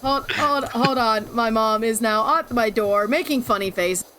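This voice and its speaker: A woman's voice: on the high side, unhurried, sharp tone, a little hiss or hum. A woman from Minnesota hosting a game stream, chatting with friends in a playful, teasing way and laughing often. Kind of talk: casual chat with friends while gaming.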